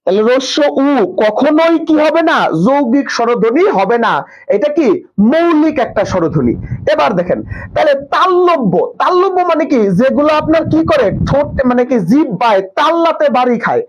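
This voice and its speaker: Quizzing male tutor with a high voice. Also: very animated, moderate pace. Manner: quizzing, drills students with questions and repetition. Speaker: online tutor. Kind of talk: live online class. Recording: dull lo-fi live stream audio.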